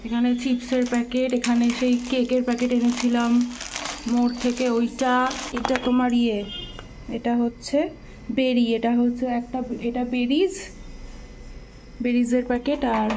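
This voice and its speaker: Young woman, high voice, chatty everyday vlog talk, loud noise behind. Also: flat delivery, normal speed, pauses often. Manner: chatty, talks straight to viewers. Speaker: vlogger. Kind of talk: casual everyday vlog narration.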